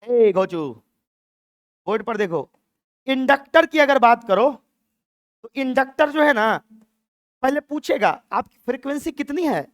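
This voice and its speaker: A man's voice: extremely high pitch, animated, moderate pace, pauses often, fairly bright tone, no room sound, clean studio sound. A man teaching physics in a playful classroom lecture, acting out dialogue lines in a mock-dramatic voice. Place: classroom with a board.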